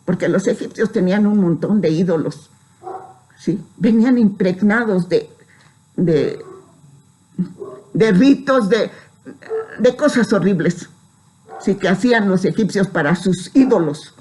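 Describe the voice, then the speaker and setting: Female pastor, sermon delivery, measured slow pace, emphatic scripture reading, frequent "¿sí?" check-ins. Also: medium pitch, dark tone. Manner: preaching with emphatic rises on scripture, frequent "¿sí?" tags.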